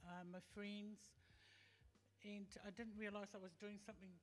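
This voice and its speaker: A woman in her fifties from Tonga, talking as a guest in an on-stage interview, halting and full of fillers, holding a handheld mic. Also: medium pitch, little pitch movement. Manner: hesitant, halting with many fillers. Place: large hall with stage and audience. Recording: long hall reverb.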